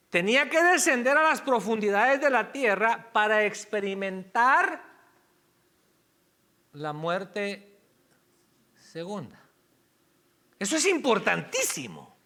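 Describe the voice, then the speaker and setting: A male pastor delivers a Sunday sermon in a relaxed, conversational way, stopping for asides and fixing his own slips. His voice sits high and sounds bright and forceful, and he takes his time over every phrase. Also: a little slow. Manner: conversational preaching, asides and self-corrections.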